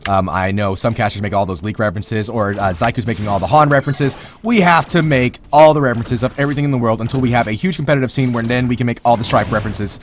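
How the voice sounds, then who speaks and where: A man casting a live esports match, excitable and jokey, yelling at big plays. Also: mid-range voice, fast, few pauses, a little hiss or hum. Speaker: esports caster. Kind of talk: live game commentary.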